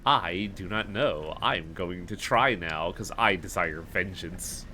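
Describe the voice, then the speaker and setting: A man's voice: low-pitched, slow pace, bright, forceful tone, slight background noise. A man giving casual, blunt, sweary commentary as he streams a game. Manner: profane, blunt.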